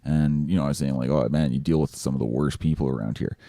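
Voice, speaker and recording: A man's voice: very deep voice, steady tone, quick pace, creaky, mellow, dry recording. A man co-hosting a podcast, telling rambling anecdotes in casual chat. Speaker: podcast co-host.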